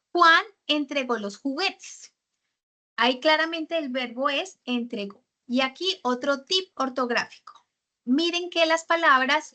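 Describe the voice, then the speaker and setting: Bright high-voiced woman teaching grammar. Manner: explains grammar with example sentences, frequent fillers and checks like "¿cierto?". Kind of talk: online writing workshop lesson.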